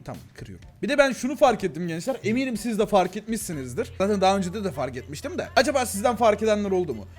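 A young man talks fast and animatedly over his gameplay. His voice is high and bouncy, swinging between thin and deep tones. Faint music plays behind him. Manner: excitable, chatty, talks to viewers as "gençler" and "abi", frequent laughs. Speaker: gaming YouTuber. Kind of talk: casual Let's Play commentary.

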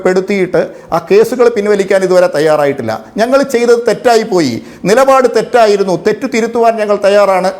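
A man speaks as a panelist in a televised political debate, his voice sitting noticeably high. He argues forcefully, stacking rhetorical questions and breaking off words with brief fillers before pressing on.

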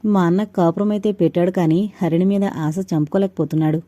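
A woman reading a story voices a sly, smooth-talking young man who flatters and schemes. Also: fairly low pitch, fairly quick, no echo, lightly acted. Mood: ingratiating. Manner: ingratiating, sly.

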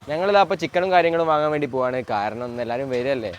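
A man's voice: mid-range voice, expressive, racing, a little hiss or hum. A man hosting his family vlog, chatting and quizzing family members about acting. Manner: chatty, interviewing family members, advice to creators. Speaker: family vlog channel host. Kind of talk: casual family vlog chat.

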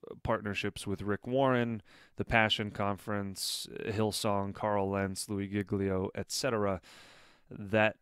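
Low smooth guy talking earnest commentary, lots of uh's, dry close mic. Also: dry recording. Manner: earnest, with frequent fillers and restarts. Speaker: online commentator. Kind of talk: critical commentary video.

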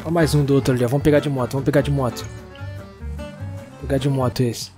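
A young man with a Brazilian Portuguese accent, excitedly narrating a video game and talking to its characters. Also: mid-range voice, fast talker, over music. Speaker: gaming YouTuber. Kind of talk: let's-play commentary.

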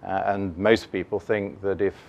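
A middle-aged man giving a keynote on markets from a lectern, measured and dotted with fillers and restarts. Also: low-pitched, little pitch movement, gravelly, lo-fi sound, a little hiss or hum. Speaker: investment keynote speaker. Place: conference room, standing at a lectern.

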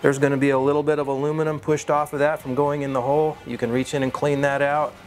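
Steady-voiced male engine builder explaining. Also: a little high, faint music behind. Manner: plain, measured technical explanation. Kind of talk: shop how-to demonstration.

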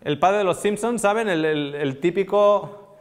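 A man in his thirties lectures a small live audience on nutrition, with a somewhat high voice, leaning into questions to the room. His lapel mic catches the long reverb of the hall around him. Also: a little slow. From Spain. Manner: animated, asks the audience questions, gestures a lot. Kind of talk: live seminar talk to an audience.

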